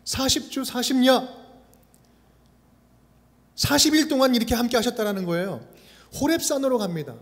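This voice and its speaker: A male pastor preaching a sermon in an expressive style. He repeats phrases in a steady rhythm and acts out the quotes he cites. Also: very high-pitched, moderate pace, pauses often. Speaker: senior pastor. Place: church sanctuary. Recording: reverberant church livestream.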